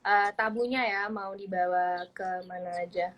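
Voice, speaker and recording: A woman's voice: medium pitch, fairly even intonation, measured pace, muffled recording. A woman in her twenties hosting a casual live-stream interview, chatty, eager and upbeat, talking over a video call. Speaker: host.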